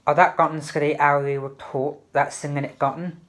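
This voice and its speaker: A woman's voice: low voice, little pitch movement, brisk. A woman casually reviewing a product, demonstrating it step by step in a hesitant way. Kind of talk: casual unboxing and review chat. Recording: faint background noise and clicks.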